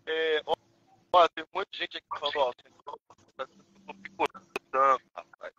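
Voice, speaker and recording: A man's voice: on the high side, fairly even intonation, normal speed, sharp tone, dull audio. A man hosting a live video-call chat over a headset, his audio choppy and cutting out. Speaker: livestream host.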